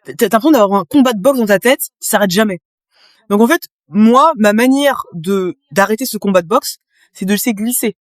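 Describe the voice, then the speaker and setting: A woman's voice: medium pitch, brisk, no room sound. Woman explaining in a dry room. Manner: explains with vivid images, talks straight to the listener. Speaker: guest, business coach. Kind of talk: casual interview conversation.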